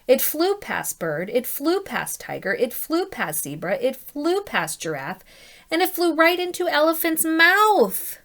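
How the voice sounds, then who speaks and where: A woman plays teacher as she reads a children's story aloud, animated and deliberate, asking her listeners questions along the way. Her voice sits high.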